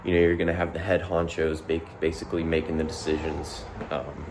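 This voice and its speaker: A man's voice: extremely low pitch, little pitch movement, brisk, noisy background. A man giving a casual, rambling opinion monologue to the camera, full of fillers and restarts, a bit out of breath after exercise. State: out of breath after push-ups. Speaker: vlogger.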